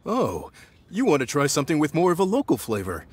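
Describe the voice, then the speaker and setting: Game chef: animated, slightly high male voice, hospitable, proud, hearty. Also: a little fast, slight background noise. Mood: proud, inviting. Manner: hearty, welcoming, explanatory. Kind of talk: anime-style video game dialogue.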